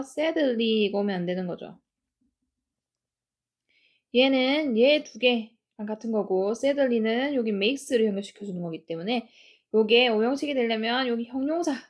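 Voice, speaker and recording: A woman teaching English grammar, explaining each sentence step by step and reading the English lines slowly. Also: on the high side. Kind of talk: grammar lesson.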